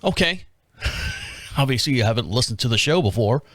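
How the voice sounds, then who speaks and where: A man's voice: mid-range voice, lively intonation, normal speed, a bit bright, no echo, studio quality. A man in his fifties hosting his own podcast, rambling through a casual solo monologue, self-mocking and laughing often. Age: 50s. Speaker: podcast host.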